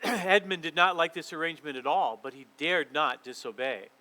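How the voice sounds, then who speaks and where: A man leading a children's church session and reading a storybook aloud in a lively, expressive way. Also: on the high side, normal speed, poor audio.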